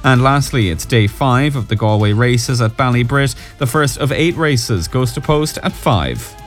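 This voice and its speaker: A man's voice: mid-range voice, expressive, unhurried, soft background music. An Irish man reading a scripted sports bulletin on the radio as a newsreader.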